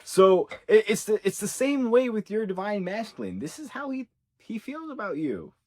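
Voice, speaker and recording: A man's voice: high voice, big pitch swings, moderate pace, darkish tone. A man working as a spiritual coach, giving a channeled reading to his viewers in an earnest, reassuring way. He talks casually, fills his speech with "like" and "yeah", and repeats his key points. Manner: conversational with fillers like "like" and "yeah". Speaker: ascension coach.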